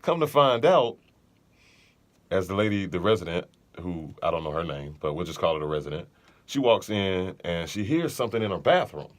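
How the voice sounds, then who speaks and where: A man's voice: sits low, big pitch swings, normal speed. A man co-hosting a podcast, chatting casually and telling funny stories in a laid-back, joking way. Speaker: podcast co-host. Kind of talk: casual chat.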